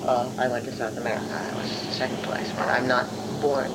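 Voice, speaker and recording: During an oral history interview, a middle-aged professor from Hungary recalls her academic career in non-native English, carefully, discursively and with self-corrections. She talks fast in an extremely low voice with little pitch movement, amid very heavy noise.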